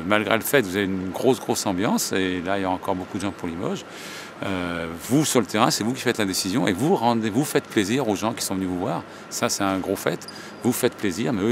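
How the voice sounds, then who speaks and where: A man firmly telling players the result is earned on the court, repeating his point. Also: fairly low pitch. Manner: firm, repetitive. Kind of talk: advice to players. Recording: noisy outdoor street recording. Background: street traffic noise.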